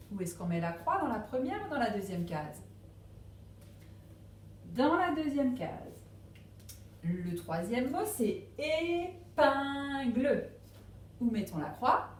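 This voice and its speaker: A woman teaching a phonics lesson to young children at a distance, speaking slowly and patiently and stressing each syllable. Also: on the high side, a little mellow, echoey room. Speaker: primary school teacher. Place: classroom with a board.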